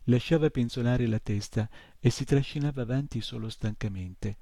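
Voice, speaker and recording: A man narrating an audiobook in a steady, measured storytelling manner. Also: medium pitch, no room sound. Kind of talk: audiobook reading.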